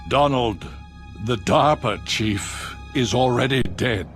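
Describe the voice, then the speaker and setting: An actor voicing a cold, scheming male government official, with a condescending, smooth delivery. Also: medium pitch, slow, soft background music. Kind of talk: video game cutscene.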